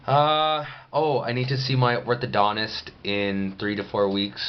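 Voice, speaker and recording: A man's voice: low-pitched, lo-fi sound, a little hiss or hum. A man giving a casual, rambling video diary update, speaking matter-of-factly with restricted jaw movement after jaw surgery.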